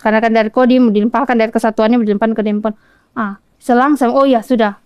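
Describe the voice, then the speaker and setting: A woman from Kolaka speaks with a Southeast Sulawesi Indonesian accent, her voice high and smooth. She recounts events earnestly and in detail, acting out the conversations she had. The sound is close and dry. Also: fairly even intonation, racing, a little mellow, no room sound. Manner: earnest, detailed retelling with quoted dialogue. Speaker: podcast guest, mother. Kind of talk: personal account in a podcast interview.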